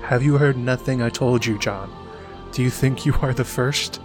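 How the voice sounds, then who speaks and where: A man voicing an ancient, blind, frail old male maester, speaking slowly and gravely over faint music. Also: medium pitch, lightly acted. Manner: slow, grave, sorrowful delivery.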